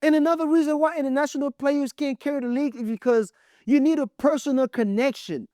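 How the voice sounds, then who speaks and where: A man's voice: very high voice, fairly even intonation, fast, mellow, no room sound, clean studio sound. A man from Congo giving blunt, emphatic opinion commentary on basketball as the show's host. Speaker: sports commentator.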